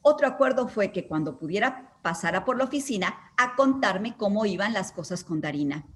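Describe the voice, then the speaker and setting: A woman from a school team reading aloud, in a calm and measured way, her own account of a counseling case. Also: medium pitch.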